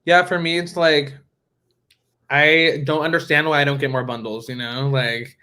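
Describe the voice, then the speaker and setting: A man co-hosting a casual podcast chat, joking and teasing in an animated way. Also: on the high side, normal speed, clear, resonant tone. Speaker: podcast co-host.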